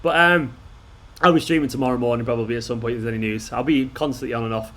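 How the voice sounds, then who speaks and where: A man at a middle pitch, running a casual live stream from home near midnight. He talks in an excitable, jokey way, greeting viewers and firing back at their comments. Underneath the enthusiasm he sounds worn out. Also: fast talker. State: tired. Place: at home late at night.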